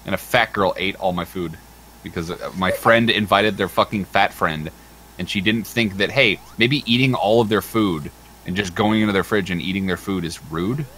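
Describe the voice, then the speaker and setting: A man's voice: low-pitched, moderate pace, fairly bright tone, rough recording. A man hosting a game livestream, telling a rambling, crude story while chatting casually. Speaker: livestream host.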